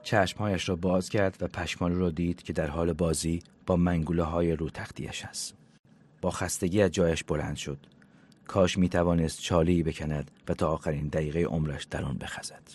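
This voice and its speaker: Deep husky guy reading a novel aloud, steady and even. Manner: even, measured storytelling. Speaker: narrator. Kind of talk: audiobook narration.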